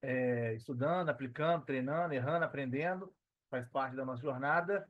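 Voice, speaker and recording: Speaking at a moderate pace with a medium-pitched voice, a man in his thirties chats informally as a guest on a podcast. He has a Brazilian Portuguese accent from Minas Gerais and works as a personal trainer and affiliate marketer. There's no room sound, and the dry audio is dull and lo-fi.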